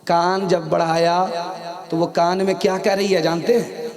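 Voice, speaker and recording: A man's voice: high-pitched, little pitch movement, normal speed. A man preaching a sermon, telling stories and acting out the quotes of the people in them. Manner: storytelling with acted quotes. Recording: hall reverb, crowd audible.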